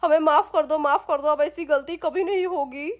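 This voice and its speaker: A woman's voice: high voice, steady tone, moderate pace, close to an everyday voice. A woman voicing a bumbling middle-aged father in a doll story, begging forgiveness and groaning about his back. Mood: pleading. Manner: pleading, groaning comic complaints. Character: bumbling middle-aged dad, sheepish and comic. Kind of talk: Hindi doll-story role-play.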